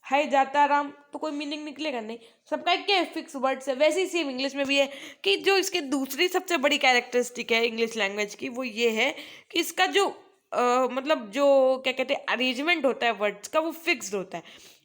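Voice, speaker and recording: A woman teacher with an Indian accent giving an online lecture, explaining in Hindi and reading English passages slowly. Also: high-pitched, fairly bright tone.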